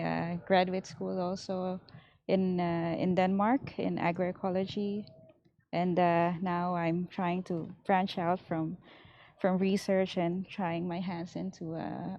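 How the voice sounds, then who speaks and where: A woman from the Philippines talks as a researcher on a panel, with many fillers. Her voice is low, flat and mellow, heard over a dull, lo-fi connection. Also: measured pace, vocal fry. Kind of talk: panel discussion. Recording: dull lo-fi line.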